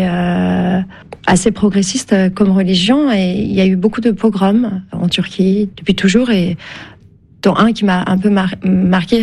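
A Turkish-born novelist, a woman whose native language is Turkish, speaks French as a guest in a radio interview. Her medium-pitched voice has a dark tone, and she sounds thoughtful and hesitant, with frequent fillers and restarts.

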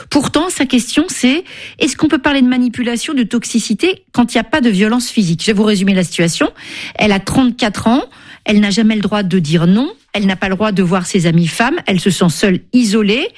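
A woman's voice: mid-range voice, brisk. A woman hosting a radio talk show, speaking in an emphatic, empathetic way and often repeating words. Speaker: radio host.

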